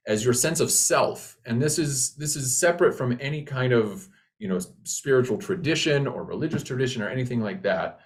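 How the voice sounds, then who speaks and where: A man talking as a voice teacher in a conversational, reassuring way, often restarting his phrases as he explains. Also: mid-range voice. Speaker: voice teacher, co-presenter.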